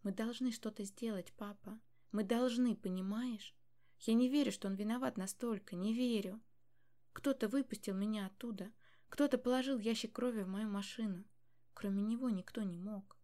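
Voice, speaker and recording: A desperate young woman from a storybook pleads and defies her father, loud and raw, her voice breaking. A woman acts her out in a mellow tone. The rise in pitch and volume comes and goes with every plea. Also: steady tone, normal speed, lightly acted. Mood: pleading.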